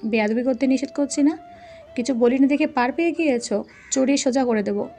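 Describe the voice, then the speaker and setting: A woman's voice: high-pitched, brisk, dark tone, faint music behind. Woman reading as an angry jealous husband. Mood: furious. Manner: angry, threatening, clipped. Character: hot-tempered jealous young husband, man.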